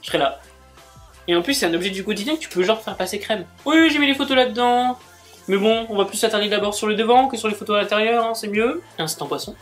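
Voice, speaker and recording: A man's voice: high voice, animated, quick pace, fairly bright tone, soft background music. A man chatting casually as he unboxes gifts, gushing and exclaiming as he goes. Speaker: book and manga YouTuber.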